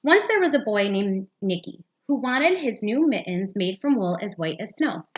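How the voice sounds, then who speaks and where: A woman's voice: medium pitch, big pitch swings, moderate pace, dull audio, a little hiss or hum. A woman, a teacher, reading a picture book aloud for young children. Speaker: second-grade teacher.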